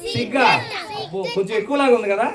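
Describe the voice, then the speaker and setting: Talking fast in a voice on the high side, a woman runs a children's puppet show in a church hall with children watching. She teases and plays, repeats phrases and calls out to the audience, captured by a distant mic in an echoey hall with a loud crowd.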